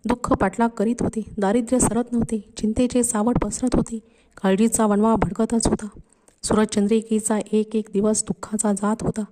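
Mellow-voiced woman telling a devotional tale. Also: mid-range voice. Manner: slow, expressive reading with voiced dialogue. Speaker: storyteller. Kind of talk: devotional storytelling narration.

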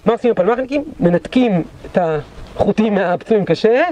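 A man leading a guided history tour, telling battle stories dramatically and acting out the shouts of those involved. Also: high voice. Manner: dramatic storyteller, acts out quoted shouts. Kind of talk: guided tour storytelling lecture. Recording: dull lo-fi recording.

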